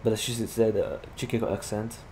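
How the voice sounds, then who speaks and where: Speaking briskly with little pitch movement, a young Slovak-accented YouTuber chats and rambles about his gameplay, peppering it with "like." His voice is slightly low, and distinct in-game engine and vehicle noise runs under the desk-mic audio.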